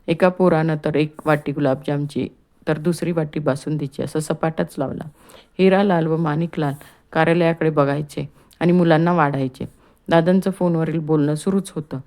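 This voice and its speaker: A woman reads a storybook chapter aloud in a calm, steady way. Her voice sits low and sounds mellow and warm. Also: moderate pace. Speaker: audiobook narrator. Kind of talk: scripted storybook narration.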